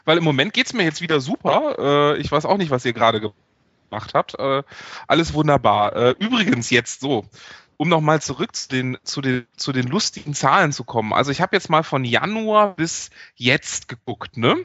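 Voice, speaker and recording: A man's voice: a little high, expressive, normal speed, a bit bright, no room sound. A man hosting a podcast, chatting casually and hesitantly, with many filler sounds. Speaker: podcast host. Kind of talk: casual chat. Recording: dull lo-fi dry sound.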